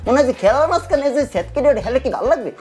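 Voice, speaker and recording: A man's voice: very high-pitched, lively intonation, very fast, a little mellow, faint music behind. A man presenting a gaming review in a put-on Barishal dialect, with rambling, playful folksy banter. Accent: Barishal dialect of Bengali, put on.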